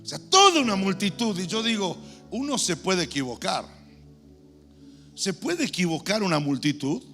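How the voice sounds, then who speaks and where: High, bright-voiced older pastor preaching. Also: male voice, moderate pace, soft background music. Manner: animated preaching, asks the congregation questions, acts out crowd shouts. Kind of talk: sermon.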